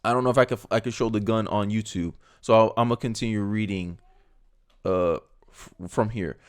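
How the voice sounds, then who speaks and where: A man's voice: lowish voice, fairly even intonation, brisk. A man giving blunt, heated reaction commentary as an online host, emphatic and repeating his points.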